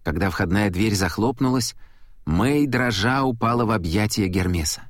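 A man narrating an audiobook in a steady, measured reading voice. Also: fairly low pitch, dry recording, clean studio sound.

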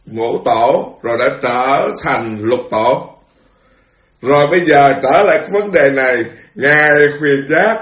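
A man delivering a Buddhist sermon, moving between quiet asides and forceful outbursts. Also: on the high side, echoey room. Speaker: Buddhist monk teacher.

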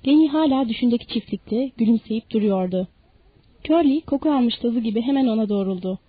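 A woman narrating an audiobook in a steady, measured reading. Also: fairly high pitch, slightly rough, no room sound, narrow, tinny audio.

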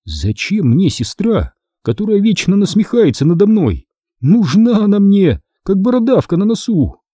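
A man's voice: sits high, very animated, moderate pace, dark tone, husky, no room sound, studio quality, pitched above the performer's own voice, exaggerated voice. A man voicing an exasperated twelve-year-old boy arguing with his sister in an audiobook. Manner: exasperated, insistent. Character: indignant twelve-year-old boy who loves fantasy books. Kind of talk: audiobook character voice.

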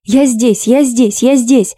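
A woman voicing a terrified man drowning in a swamp, yelling and pleading for help. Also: on the high side, expressive, moderate pace, no echo. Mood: gasping.

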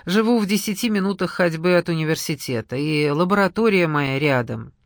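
A reader voicing a calm, obliging middle-aged male university scientist in an audiobook, measured and reassuring. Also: fairly high pitch, creaky, no room sound, studio quality. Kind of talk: audiobook character reading.

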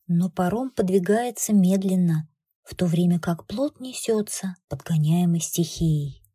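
A woman reads a tense adventure aloud with a husky, breathy voice. Her telling is dramatic and measured, recorded close and dry. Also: mid-range voice, dark tone, dry recording. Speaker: audiobook narrator. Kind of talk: scripted narration.

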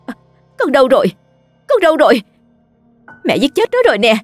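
A woman voicing a frantic, cruel young mother who wails and pleads in a shrill voice. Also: big pitch swings, slow pace, sharp tone, no room sound, soft background music, heavily acted. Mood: wailing. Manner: shrill, wailing.

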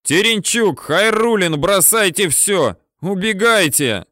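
A man voicing a frantic male platoon commander who yells orders to his troops under artillery fire. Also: high-pitched, big pitch swings, extremely slow, no room sound, studio quality, pitched above the performer's own voice, full character voice. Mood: shouting, frantic. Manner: yelling orders.

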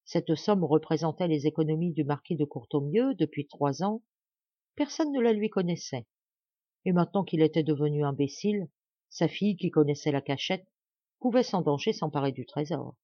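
A woman reading aloud with mellow, expressive delivery. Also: low-pitched, no room sound, dull audio. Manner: measured, expressive storytelling. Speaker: audiobook reader. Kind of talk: scripted narration of a classic novel.

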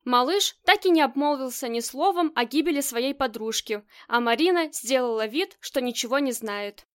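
High-voiced woman narrating an audiobook. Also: moderate pace. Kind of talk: scripted narration.

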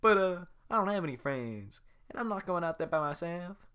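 A man voicing a hyper talkative, boastful male donkey in a fan reading of a cartoon script, with fast, excitable chatter. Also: high voice, clean tone, voice pushed up. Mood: excited.

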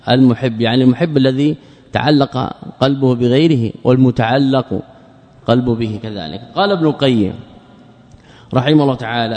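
A man teaching a religious studies class in a measured lecture, repeating key words and putting rhetorical questions to his students. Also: medium pitch, a little mellow. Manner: measured, drawn-out explanation. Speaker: Islamic scholar teaching a class. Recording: long reverb of a large hall.

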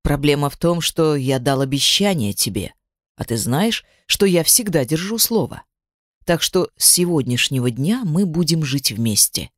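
A woman's voice: low-pitched, very animated, normal speed, no room sound, studio quality, pitched below the performer's own voice. A woman voicing a domineering young man who speaks in curt, mocking, menacing lines in an audiobook. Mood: gruff teasing. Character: gruff, domineering young man, a crime boss. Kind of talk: audiobook character voice.

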